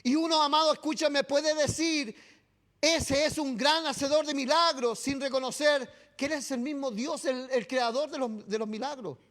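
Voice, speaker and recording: Man, Chilean accent, very high pitch, preaching in church, calls listeners beloved. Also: steady tone, normal speed, fairly bright tone. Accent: Chilean Spanish. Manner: keeps adding "¿cierto?" and "amado" to address the congregation. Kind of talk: sermon.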